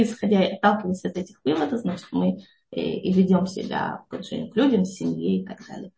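A woman with a gravelly, mellow voice explains a psychology idea to an audience. She often pauses to check in with a questioning "yes?". The sound is roomy and echoey. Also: medium pitch. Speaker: psychology speaker.

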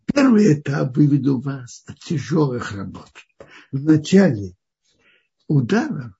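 In a dull, lo-fi recording, a man gives a lesson on the weekly Torah portion in a mellow, very husky, gravelly voice that sits a little high. He speaks haltingly, reasoning out loud and starting phrases over.

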